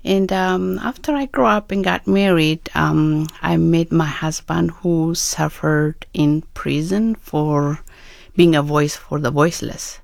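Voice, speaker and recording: A woman from Ethiopia in her fifties with an Ethiopian accent, a radio interview guest who speaks in a measured, hesitant way with many pauses. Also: low-pitched, gravelly, no echo. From Ethiopia (Oromia). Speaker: guest, author and nonprofit founder.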